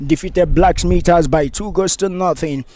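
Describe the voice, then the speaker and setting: Man, football commentator, high voice, formal steady announcing, light background hiss. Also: moderate pace. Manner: formal announcing, reading a team list in a steady rhythm. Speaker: match commentator. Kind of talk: pre-match sports commentary.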